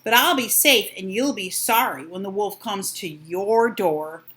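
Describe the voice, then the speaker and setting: A woman voicing a stern, hard-working male little pig in a storybook, chanting in an emphatic, measured way. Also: medium pitch, expressive, a bit bright. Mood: stern, resolute. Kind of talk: storybook character voice.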